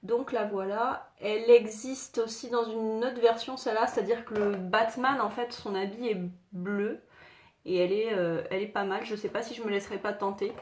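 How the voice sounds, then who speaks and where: A woman chatting casually to viewers while showing her collectible figurines, in a halting way with many fillers. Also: mid-range voice, fairly even intonation. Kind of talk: casual unboxing chat. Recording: echoey room, faint noise.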